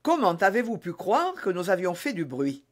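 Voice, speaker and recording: A man's voice: high voice, animated, moderate pace. A man voicing a young impetuous musketeer hero, speaking with urgent earnestness in a storybook reading.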